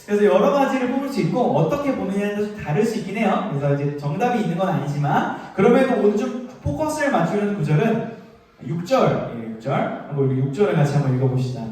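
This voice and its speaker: A man's voice: high-pitched, lively intonation, quick pace, a little mellow. A young adult man, a youth pastor, giving a playful youth sermon and asking his audience questions. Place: church hall, heard from far off. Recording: very echoey hall from far off.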